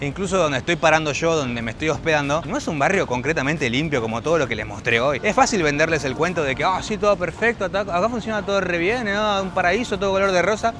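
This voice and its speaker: Chatty Argentine man walking city streets. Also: fairly high pitch. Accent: Argentine Spanish. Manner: chatty, addresses viewers directly as friends. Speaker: travel vlogger. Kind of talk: casual walking travel vlog. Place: outdoors on busy city streets. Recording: outdoor street noise and traffic.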